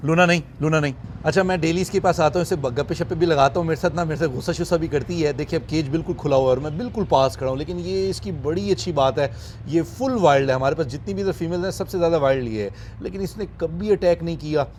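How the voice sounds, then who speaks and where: A man's voice: fairly high pitch, quick pace, hardly any pauses, darkish tone, a little hiss or hum. A man, filming outdoors at his animal farm, soothing and coaxing his animals and speaking sorrowfully to his viewers. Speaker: wildlife farm owner and vlogger. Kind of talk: casual vlog talk to camera.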